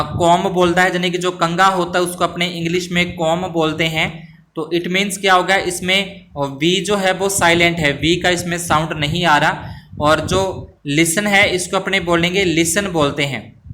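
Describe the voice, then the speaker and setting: A man's voice: high-pitched, sharp tone, slight background noise. A male teacher patiently explaining test answers, spelling words out letter by letter and mixing in English phrases. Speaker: school teacher.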